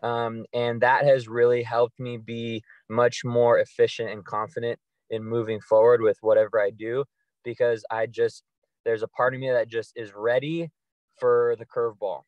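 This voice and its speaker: A man's voice: mid-range voice, little pitch movement, normal speed, no echo, muffled recording. A man co-hosting a podcast, talking casually and rambling through long sentences with many ums and likes. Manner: rambling, with many fillers and restarts. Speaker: podcast co-host. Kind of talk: casual conversational chat.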